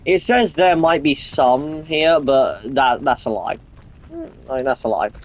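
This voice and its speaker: A man's voice: mid-range voice, slow pace. Rambling, swearing gamer guy. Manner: rambling, swears freely, restarts often. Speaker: gamer playing on camera. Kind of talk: casual gameplay commentary.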